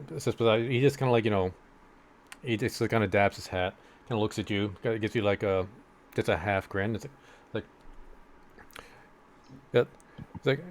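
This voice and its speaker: A man narrating a tabletop game as game master, with lots of fillers and restarts. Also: fairly low pitch. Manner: hesitant, many fillers and restarts.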